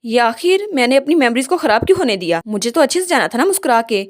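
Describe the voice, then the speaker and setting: A woman's voice: fairly high pitch, lively intonation, fast talker, close to an everyday voice. A woman voicing a kind, emotional young heroine in a storybook retelling. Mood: tearful. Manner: earnest, anxious.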